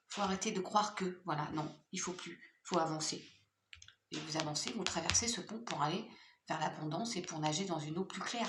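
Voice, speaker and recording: A woman's voice: on the low side, echoey room, background noise. A woman doing a casual, playful card reading for her viewers, chatty with many fillers. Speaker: tarot card reader.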